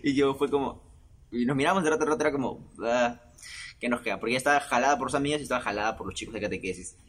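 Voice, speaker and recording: Young man, podcast host, husky voice, mid-pitched, rambling self-mocking storyteller. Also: racing, a bit bright. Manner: chatty, self-mocking, laughs between phrases. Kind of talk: casual storytelling monologue.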